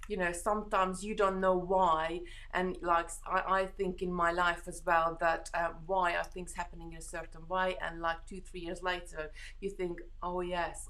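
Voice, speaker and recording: A woman with a lowish, fairly bright voice and a Hungarian accent hosts a beading live stream from home. In this casual chat, she reads out viewer comments and replies reassuringly, rambling along with frequent fillers and restarts.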